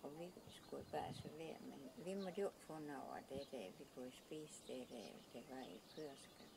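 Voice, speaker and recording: An older woman with a South Jutlandic Danish accent, telling stories from her youth in a hesitant, halting way with many restarts. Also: extremely low pitch, creaky, background noise. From Southern Jutland, Denmark. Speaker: interviewee recalling her youth. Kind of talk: casual oral-history storytelling.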